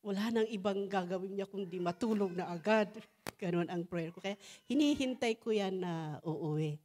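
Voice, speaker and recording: A middle-aged woman giving a church testimony and sermon, switching between English and Tagalog, often asking "Amen?" and pausing on fillers. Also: mid-range voice, darkish tone, slight background noise. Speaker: church speaker.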